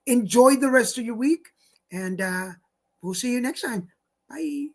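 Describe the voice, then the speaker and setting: A co-host on a live online show chats casually while wrapping up announcements, rambling and filling gaps with fillers. His voice is very high and expressive, and he keeps a measured pace.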